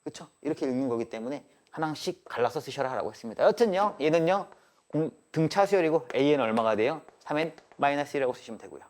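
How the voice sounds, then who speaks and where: A man with a slightly high voice teaches math live, speaking quickly with lively intonation and a somewhat mellow sound. He tosses rhetorical questions at the room and drills with a firm "알겠습니까?" ("got it?"), swinging between polite phrasing and casual banter.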